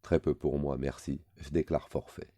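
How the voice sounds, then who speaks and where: A man's voice: a bass voice, level tone, normal speed, mellow, no room sound, clean studio sound. A man reading a novel aloud, voicing an aging drunk man who rants with weary, insulting words. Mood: boozy, mocking.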